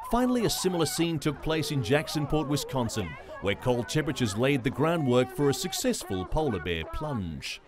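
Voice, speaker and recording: A man narrating a scripted news feature in a wry, lively storytelling manner. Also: medium pitch, moderate pace, hardly any pauses. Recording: voice-over over music and crowd sound. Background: music and crowd noise.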